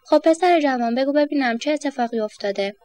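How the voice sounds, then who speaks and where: Brief: woman reader as calm kindly old professor, patient delivery, dry close sound. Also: sits high, dry recording, lightly acted. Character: patient kind retired old man, professor.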